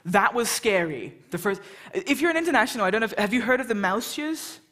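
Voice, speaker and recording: In a lecture hall with a live crowd, an English host chats and jokes with the audience on stage, teasing them playfully. She speaks at a quick pace in a sing-song voice that is a little high and a bit bright.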